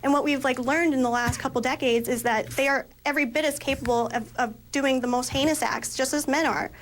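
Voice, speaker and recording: High-pitched female author guest, measured with small hesitations, faint ambience. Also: fairly even intonation, a little hiss or hum. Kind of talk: broadcast panel commentary.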